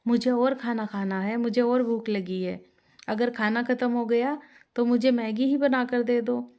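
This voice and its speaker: A woman's voice: fairly high pitch, steady tone, a little slow, darkish tone. A woman voicing a whiny gluttonous young bride. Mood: demanding. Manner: whiny and demanding. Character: young bride, greedy glutton, always whining for food.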